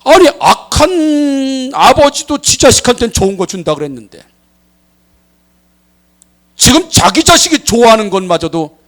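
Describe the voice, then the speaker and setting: A male pastor delivers a sermon in a high voice whose pitch leaps and dips all over. He preaches dramatically, acting out quoted voices and swinging from loud to hushed.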